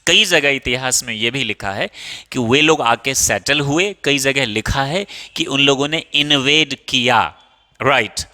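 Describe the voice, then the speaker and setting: A man's voice: medium pitch, a little slow, bright, forceful tone. Indian male teacher in a reverberant room. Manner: calls students "babu", asks and answers his own questions. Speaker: English teacher. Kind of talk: explaining a textbook chapter in Hindi with English phrases.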